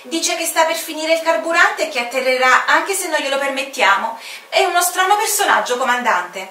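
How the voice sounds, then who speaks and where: A woman voicing a flustered airport radio operator who reports in an excited, hurried way. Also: high-pitched, echoey room, far from the mic, pitched above the performer's own voice.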